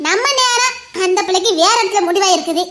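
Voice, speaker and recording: A woman's voice: very high voice, fast talker, fairly bright tone. A woman playing a protective middle-aged mother who defends her son and argues with her husband in a pleading, reasoning way. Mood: defensive. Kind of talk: amateur audio drama.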